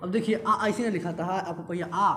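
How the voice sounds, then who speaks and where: A man's voice: high voice, fairly even intonation, fairly quick, sharp tone. A man teaching a lecture class, often repeating terms and asking and answering his own questions. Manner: repetitive drilling, asks and answers own questions. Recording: echoey room, faint background hiss.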